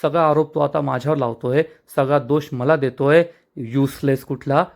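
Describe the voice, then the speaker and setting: A man's voice: medium pitch, fairly even intonation, normal speed, gravelly, close to an everyday voice. A man voicing a spiteful, scheming young woman from a TV serial, scolding and indignant. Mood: angry.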